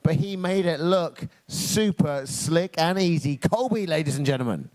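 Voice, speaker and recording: A man giving energetic, joking play-by-play commentary at a live drift event. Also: a little high, moderate pace.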